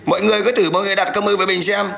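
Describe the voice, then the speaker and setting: A man delivers a coarse, taunting livestream rant. His voice is gravelly and edgy, pitched a little high for a man, and pushed hard. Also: little pitch movement, racing, bright, forceful tone.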